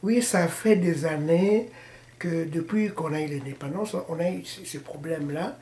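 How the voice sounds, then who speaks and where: A man from the Democratic Republic of the Congo with a Congolese French accent, answering interview questions haltingly, with many fillers and restarts. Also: a little high, a little mellow. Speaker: interviewee, political party founder. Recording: echoey room with faint noise.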